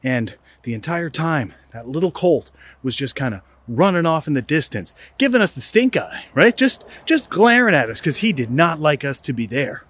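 Animated middle-aged storyteller. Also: male voice, fairly high pitch, moderate pace, breathy edge. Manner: animated, comic, builds to excited outbursts. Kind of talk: casual spoken storytelling.

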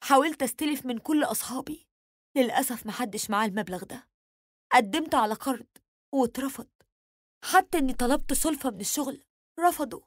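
A woman's voice: high-pitched, fairly quick, no room sound, studio quality. A woman with an Egyptian accent voicing a grieving young husband who speaks in a subdued, bitter way.

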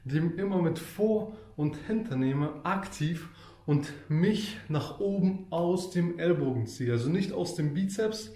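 A man's voice: fairly high pitch, animated, measured pace, mellow, reverberant. A man coaching viewers through back exercises in a home gym tutorial, explaining and repeating the key points. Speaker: fitness coach.

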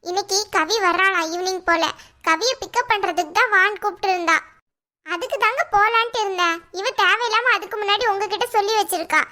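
A woman voicing a defensive, quick-tempered young wife in a cartoon, pleading her case in a Tirunelveli Tamil accent. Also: very high voice, bright, forceful tone. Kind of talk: cartoon voice acting.

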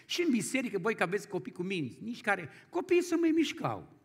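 A male pastor preaching a folksy storytelling sermon, moving from quiet asides to loud exclamations. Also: high-pitched, wildly swooping pitch, husky. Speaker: guest pastor.

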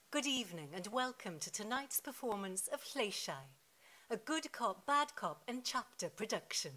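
A woman making a formal, scripted theatre announcement into a studio microphone in a deliberate show-opening style. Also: on the high side, a bit bright. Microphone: large studio microphone.

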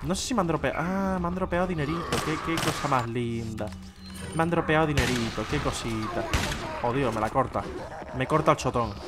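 A young man with a Spain Spanish accent giving casual, excitable gaming commentary, swearing and talking to his viewers. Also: medium pitch, fairly quick, music in the background. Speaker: gameplay streamer. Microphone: desk microphone.

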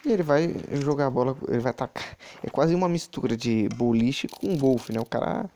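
Guy chatting over a phone game, gravelly low-toned voice, dark sound. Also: fairly quick. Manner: chatty, many fillers and asides to the viewers. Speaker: mobile game channel host. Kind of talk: casual gameplay commentary.

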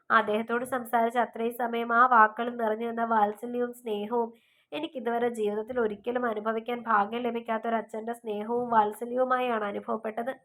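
A woman's voice: on the high side, natural voice. A woman voicing a teasing young woman who talks in a sad, reflective way about missing her father.

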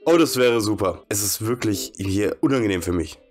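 A man's voice: on the low side, moderate pace, soft background music, close to an everyday voice. A man reading an uneasy male customer. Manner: hesitant, uneasy.

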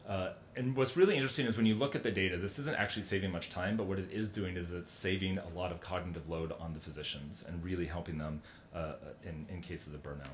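A middle-aged man giving a conference keynote talk in a large hall, speaking conversationally with many fillers and restarts. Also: quick pace. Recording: echoey hall, faint rumble.

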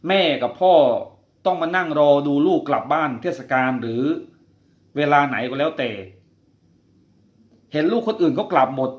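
A man's voice: fairly high pitch, moderate pace, pauses often. A man hosting a talk about quitting gambling, telling a personal story in an earnest, confiding way and putting direct questions to the listener. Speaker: podcast host speaking on quitting gambling. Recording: roomy, dull lo-fi sound.

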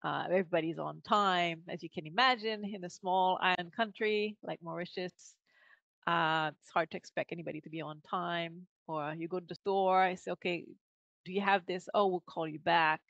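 A middle-aged woman, French Canadian by accent, talks casually as a video-call interview guest and laughs a lot between filler words. She speaks at normal speed in a lowish, fairly bright voice with vocal fry. Her podcast mic in a home office with bookshelves gives lo-fi sound without room sound.

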